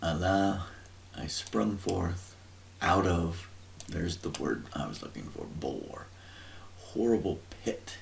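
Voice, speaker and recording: A man with a very low, gravelly, raspy voice talks through scripture slowly and expressively in an informal teaching style, thinking aloud. He rambles, searches for words and uses many fillers, with a faint hiss under the recording.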